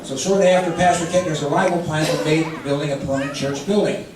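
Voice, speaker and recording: A man's voice: on the high side, fairly even intonation, fast talker. A man hosting an anniversary program who presents church history conversationally, with hesitant fillers. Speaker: event host. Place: church hall. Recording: very echoey hall, distant mic, noisy.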